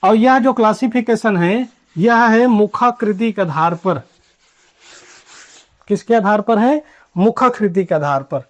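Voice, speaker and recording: A man teaching a grammar lesson at a board, asking questions and answering them himself, and drawing out key terms slowly. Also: high-pitched, highs cut off. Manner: asks and answers his own questions. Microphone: writing on a board while teaching.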